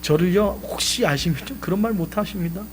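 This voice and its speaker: High-voiced, emphatic male pastor. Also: brisk, slight background noise. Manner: emphatic, swelling then dropping low. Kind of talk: live Sunday sermon. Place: church sanctuary.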